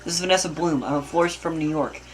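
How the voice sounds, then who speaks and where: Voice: medium pitch, fairly even intonation, fast, a little hiss or hum, natural voice, low-quality recording. An amateur reader voicing a frightened woman florist in a casual script reading. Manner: panicky, protesting. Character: woman florist, panicky pilot.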